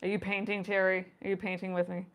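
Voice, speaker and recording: A woman's voice: medium pitch, flat delivery, quick pace, muffled recording. A woman hosting a casual live stream from her home studio, chatting and often laughing as she explains her painting work at her desk mic. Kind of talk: casual chat while painting.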